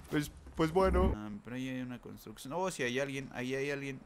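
A man giving live gameplay commentary, talking to his viewers and repeating words rapidly when excited. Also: medium pitch, noisy background. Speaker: gamer.

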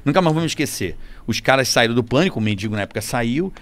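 A man's voice: mid-range voice, fast. A man from Rio de Janeiro with a Carioca accent, telling casual, swearing anecdotes as a podcast guest. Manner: animated, swearing, laughing anecdotes. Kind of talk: casual storytelling.

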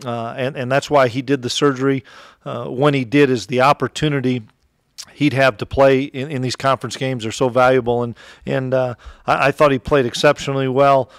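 A middle-aged man with an Upper Midwest American accent, a head football coach answering press questions after a game in a relaxed, plainspoken way, with many fillers and restarts. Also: mid-range voice, fairly quick, dry recording, clean studio sound. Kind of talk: postgame press conference answers. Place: press room in front of a sponsor backdrop. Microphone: table mic close in front.

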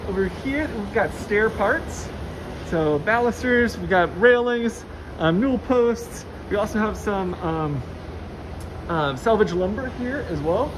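A woman's voice: medium pitch, animated, measured pace. A woman casually guiding a walking tour through a large warehouse, chatty and enthusiastic with many fillers. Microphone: handheld phone camera, walking. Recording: noisy warehouse ambience.

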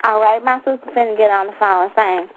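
A woman's voice: medium pitch, quick pace. A woman bantering casually on a call-in show in a brash, sassy, joking way. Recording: dull, noisy lo-fi audio.

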